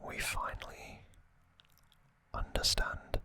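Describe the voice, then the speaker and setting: An ASMR trivia channel's host whispers this anime saga recap, breathy and unvoiced, with the mic held close. Delivery stays slow and unhurried, and certain words are gently repeated for effect.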